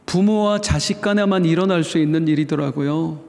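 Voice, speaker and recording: A middle-aged man preaching a sermon as pastor, with emphatic swings between high exclamations and soft pleading. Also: a little fast, vocal fry. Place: church sanctuary. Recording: long church reverb.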